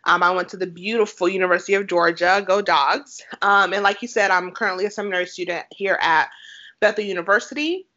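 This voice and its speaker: A woman's voice: medium pitch, fairly even intonation, brisk. A woman in her twenties from Haiti, native Creole speaker, chatting upbeat as a podcast guest with many fillers. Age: 20s. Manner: warm, upbeat, frequent "um" and "like". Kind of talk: casual interview chat. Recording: slightly lo-fi podcast audio.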